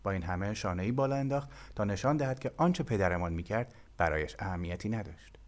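Calm male storyteller. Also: on the low side. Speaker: audiobook narrator. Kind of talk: storytelling audiobook narration.

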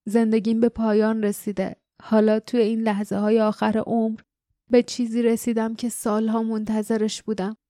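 A woman voicing a gentle dying father in an audiobook, speaking softly and weakly. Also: fairly high pitch, flat delivery, no echo, studio quality, lightly acted. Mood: tender. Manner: soft, weak, murmuring.

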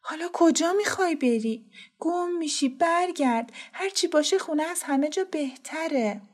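A woman voicing a frightened small child who pleads to go back home, in a high, trembling voice. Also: lively intonation.

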